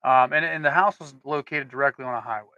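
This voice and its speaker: A man co-hosting a loose podcast chat, winding through his stories with plenty of restarts. His voice is bright and forward. The sound is dry and close. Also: mid-range voice, quick pace, dry recording, lo-fi sound. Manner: storytelling, rambling with restarts. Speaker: podcast co-host. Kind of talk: casual chat.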